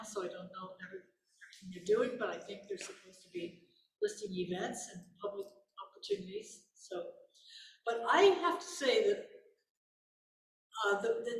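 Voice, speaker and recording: An older woman speaking as a guest in a casual question-and-answer talk, rambling and often restarting her sentences. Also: a little high. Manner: rambling, with many restarts and self-corrections. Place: big empty live room. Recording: echoey room, voice far from the mic.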